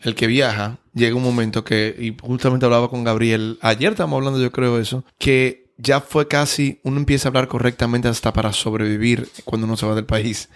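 Gravelly man interviewing. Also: medium pitch, little pitch movement, fairly quick, few pauses. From Dominican Republic. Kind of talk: interview conversation.

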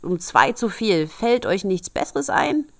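A woman's voice: medium pitch, big pitch swings, a little slow, creaky, a bit bright, no room sound, clean studio sound, heavily acted. A woman voicing a bad-tempered, grumbling male dwarf who screeches and scolds in a storybook reading. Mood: scolding.

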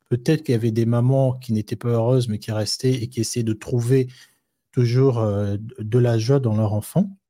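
Warm and medium-pitched, this man's voice comes through in clean studio sound with no echo as he co-hosts a live discussion show. He speaks loosely, with many fillers and restarts, and reaches for everyday examples to explain.

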